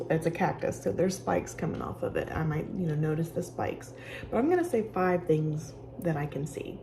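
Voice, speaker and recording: A woman giving casual, conversational instruction as she guides a calming exercise with personal examples. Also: lowish voice, creaky, background noise. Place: office with sound machines nearby.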